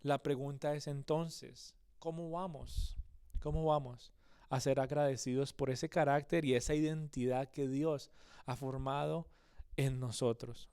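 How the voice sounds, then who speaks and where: A man's voice: medium pitch, mellow, clear, resonant tone. A male pastor preaching a sermon, earnest and speaking straight to his listeners, often correcting himself mid-phrase. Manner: earnest, addresses listeners directly, frequent self-corrections.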